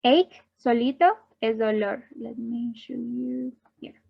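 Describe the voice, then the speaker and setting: A woman teacher giving a recorded class and repeating each term slowly so students can copy the pronunciation. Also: a little high, gravelly, husky, highs cut off. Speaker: English teacher for health workers. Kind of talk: recorded online class explaining slides.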